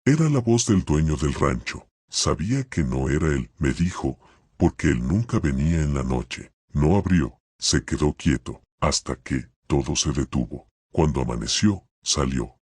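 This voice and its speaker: A man narrating a scary story in a slow, measured way. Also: very deep voice, expressive, a little mellow, slightly rough, no echo, clean studio sound. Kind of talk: scripted horror narration.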